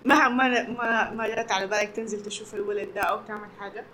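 Woman, Sudanese Arabic accent, casual conversation, extremely quick pace, faint noise behind. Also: mid-range voice, fairly even intonation, bright, forceful tone. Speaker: employee and conversation partner.

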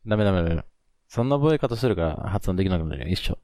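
Man drilling tongue twisters slowly and patiently. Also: low-pitched, expressive, dark tone, clear, resonant tone, no echo, studio quality. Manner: patient, teasing coach who repeats phrases slowly. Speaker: podcast co-host coaching English. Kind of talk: casual chat with pronunciation drills.

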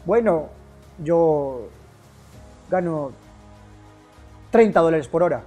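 A worn-out working father, curt and dismissive, as a man acts him out in a talk. His replies come short and clipped over faint music, a little higher than the speaker's usual voice. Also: animated, extremely slow, mellow, full character voice. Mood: brusque. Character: tired, impatient working father brushing off his son.

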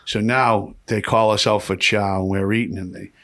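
A man with a bright, forceful voice tells stories as a podcast guest. He talks bluntly and swears freely, keeping his telling casual and animated. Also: on the low side, normal speed. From Lowell, Massachusetts. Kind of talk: casual profane storytelling.

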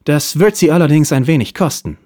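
A man playing a jaded male private eye, curt and deadpan, voice raised high, husky, noir parody audio play. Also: brisk. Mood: cool.

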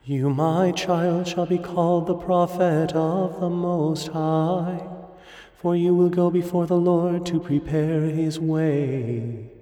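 A man's voice: a little high, fairly even intonation, mellow. Man praying in a long cathedral-like echo. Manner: measured, solemn, partly intoned. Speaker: officiant leading morning prayer. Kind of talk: solemn chanted and recited liturgy. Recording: echoey church-like hall, long reverb, music.

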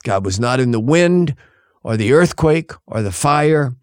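A male pastor preaching a sermon, shifting dramatically between loud and hushed delivery. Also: mid-range voice, animated, measured pace, clear, resonant tone, dry recording, studio quality.

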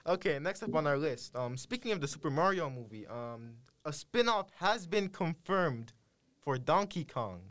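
A man's voice: a little high, animated, normal speed, fairly bright tone. A young man hosting a casual podcast chat, reading out news with frequent ums and laughter. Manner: hesitant, many ums, laughs often. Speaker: podcast host.

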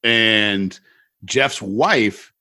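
A man's voice: fairly low pitch, drawn-out words, pushed and bright. A man co-hosting a casual podcast, with reverb bouncing around a bare-walled room. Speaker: podcast co-host. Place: home office emptied to bare walls.

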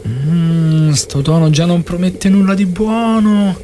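A woman's voice: fairly low pitch, steady tone, takes it slowly, noisy background. A woman playing a harried, muttering, exasperated driver in a scripted comedy sketch. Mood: wary. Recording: music clearly behind the voice.

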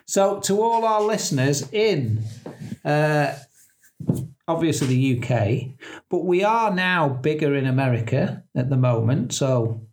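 A man's voice: a little high, sing-song, measured pace, slight background noise. A man co-hosting a podcast in casual chat, joking and laughing at his own gags. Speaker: podcast co-host.

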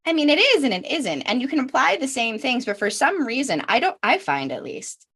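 A woman in her thirties co-hosting a podcast, telling stories in a lively way and acting out quotes. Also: sits high, brisk, husky. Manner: animated storyteller, acts out quotes. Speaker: podcast co-host. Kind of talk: casual podcast chat.

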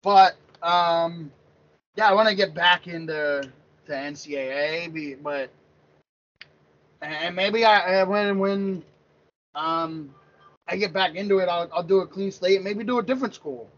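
A man's voice: high-pitched, unhurried, pauses often, fairly bright tone. Rambling man in his thirties, lo-fi. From Pennsylvania. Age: 30s. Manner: rambling, repeats words and restarts often. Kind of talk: casual sports chat. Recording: lo-fi dull sound.

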